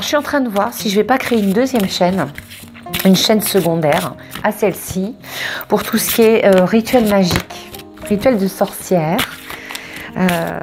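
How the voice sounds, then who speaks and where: A woman reading oracle cards and giving spiritual guidance in a casual, expressive way, wandering off into asides and repeating words for emphasis. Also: on the low side. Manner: expressive, digressive, emphatic repetitions. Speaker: oracle card reader.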